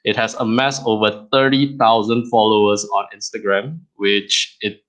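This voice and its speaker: Guy hosting his podcast, lowish voice, friendly easy chat. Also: steady tone, moderate pace, a bit bright, rough recording. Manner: friendly, chatty, laughs easily. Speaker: podcast host and creator. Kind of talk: casual interview chat.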